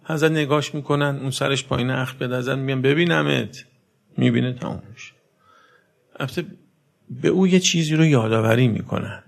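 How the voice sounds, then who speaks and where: Male preacher, gravelly voice, sermon, loud bursts then hushed passages. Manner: swings between loud emphatic outbursts and soft low passages; addresses listeners directly with rhetorical questions. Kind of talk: religious sermon.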